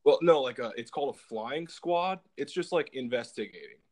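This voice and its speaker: A man's voice: mid-range voice, lively intonation, moderate pace, darkish tone. A man hosting a casual podcast, telling a story in a rambling way with lots of fillers and restarts. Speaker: podcast host.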